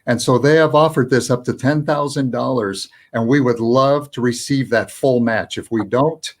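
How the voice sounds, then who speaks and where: A man's voice: medium pitch, normal speed. A man co-hosting a nonprofit's virtual fundraiser, explaining a donation match in an upbeat way and often repeating words. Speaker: nonprofit co-host. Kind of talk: live virtual fundraiser appeal.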